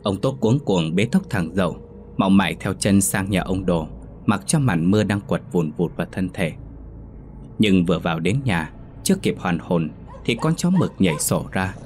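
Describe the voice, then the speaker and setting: Deep-voiced male ghost story narrator. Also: animated, normal speed, a little mellow, slight background noise.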